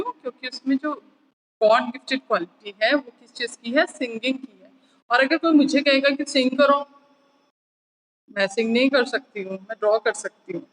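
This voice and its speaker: A woman's voice: high voice, a bit bright, in a large hall, poor audio. A woman teacher with an Indian accent teaching an online class, switching between Hindi and English and checking in with her pupils.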